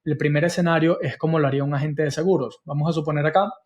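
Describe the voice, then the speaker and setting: A man's voice: fairly high pitch, fairly even intonation, racing, a little mellow, dull audio. A man teaching insurance sales, explaining step by step and often checking in with "¿ok?". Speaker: sales trainer. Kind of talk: instructional talk with acted call examples.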